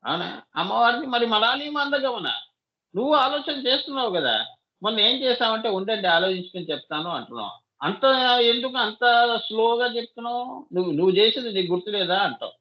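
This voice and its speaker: A man's voice: high voice, lo-fi sound. A man giving a devotional discourse as a spiritual teacher, often asking his listeners rhetorical questions and calling them child.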